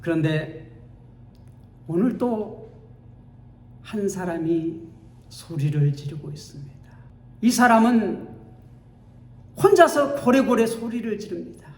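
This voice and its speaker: A male pastor preaches in a high-pitched voice, taking his time and letting each phrase land. He tells the story dramatically, acting out its scenes. His voice rings around an echoey church sanctuary. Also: animated, takes it slowly, pauses often, a little mellow. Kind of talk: sermon.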